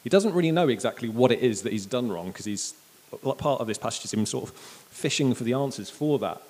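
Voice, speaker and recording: A man preaching a sermon in a casual, chatty way, with jokes and animated asides. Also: mid-range voice, a little fast, big-room sound.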